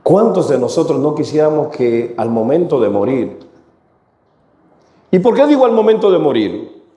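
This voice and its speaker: High-voiced preacher in an echoey hall. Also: male voice, sing-song, moderate pace, dark tone. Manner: rhetorical questions to the congregation. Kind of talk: sermon. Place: church.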